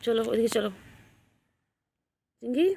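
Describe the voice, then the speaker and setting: A woman's voice: on the high side, moderate pace, vocal fry, dark tone, breathy edge. A woman filming her cats outdoors on a phone and cooing to them in sing-song baby talk. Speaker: pet vlogger. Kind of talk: casual vlog, cooing to cats.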